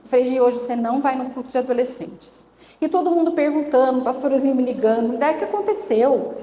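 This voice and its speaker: A woman's voice: sits high, fairly quick, dark tone. A middle-aged woman giving an emotional testimony as a sermon, telling her story earnestly and acting out the dialogue. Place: church conference hall. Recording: echoey church hall with faint noise.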